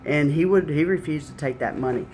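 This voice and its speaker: A middle-aged woman recounts her faith testimony in a plain, conversational way. She retells past conversations earnestly and often adds "you know". A faint low rumble sits in the background. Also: a little fast, a little mellow. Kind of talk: personal faith testimony storytelling.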